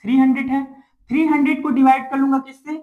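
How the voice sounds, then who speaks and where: A man's voice: very high voice, little pitch movement, fast, phone-quality sound. A man teaching a math lesson to a class, asking questions and answering them himself, repeating each step and checking in often.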